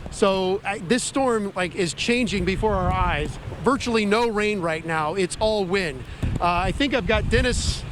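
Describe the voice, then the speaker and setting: A man's voice: sits high, measured pace. A man reporting live from outdoors in a storm, raising his voice over the wind in an unscripted account. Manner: raised voice over strong wind. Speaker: field reporter. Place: outdoors on a residential street in a storm. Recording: loud hurricane wind noise outdoors. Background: howling wind.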